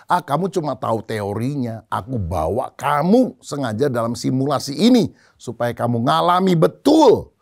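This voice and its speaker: A preacher acting out a proud male army general in a sermon story, switching between booming orders and low, gentle explanation. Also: very animated, moderate pace, creaky. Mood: gently explaining. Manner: booming and commanding when angry, low and soft when explaining. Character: proud male army general, hot-tempered then teasing.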